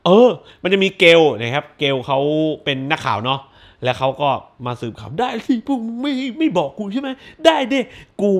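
Animated, foul-mouthed man reviewing a movie. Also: fairly high pitch. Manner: animated, crude slang, acts out scenes with shouts. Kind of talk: casual spoiler movie review.

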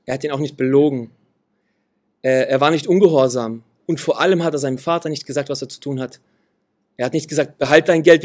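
A man's voice: mid-range voice, darkish tone. A man preaching a sermon, reading Bible verses aloud and repeating key phrases with earnest emphasis.

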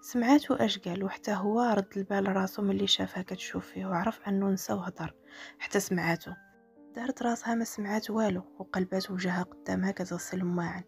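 A woman with a Moroccan accent reading a serialized story aloud in a rapid, even narration. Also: mid-range voice, creaky, faint music behind.

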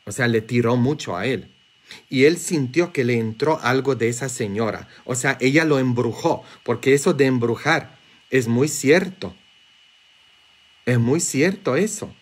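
Delivering a sermon as a priest, a man with a husky, medium-pitched voice and a Mexican Spanish accent jokes around and speaks conversationally, tossing in quick side remarks.

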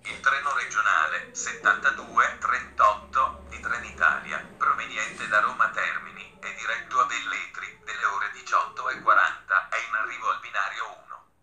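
A man with a standard Italian accent reads a flat, formal railway station announcement. His voice is fairly low yet extremely bright and crisp-edged, with measured, impersonal phrasing. The sound is clearly roomy and echoing, like a public-address system. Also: a little hiss or hum. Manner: impersonal, measured, segmented phrasing of set messages.

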